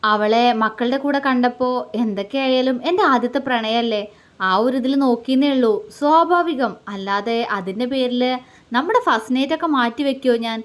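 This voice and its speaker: A man's voice: very high voice, a little fast. A woman voicing a young newlywed husband who is teasing but caring, in a romantic story reading. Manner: teasing, soft-spoken.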